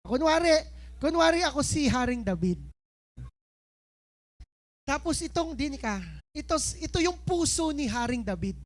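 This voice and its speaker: A woman pastor giving a lively, playful sermon, acting out a scene with someone in front of the church and reading scripture slowly. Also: sits high. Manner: animated, playful, switches between preaching and slow scripture reading. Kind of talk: lively sermon with a live demonstration.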